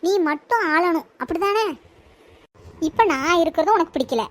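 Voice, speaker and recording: A woman's voice: high voice, brisk, lightly acted. A woman playing a nagging, self-pitying older mother-in-law in a comedy skit, grumbling and whiny. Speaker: comedy sketch actor.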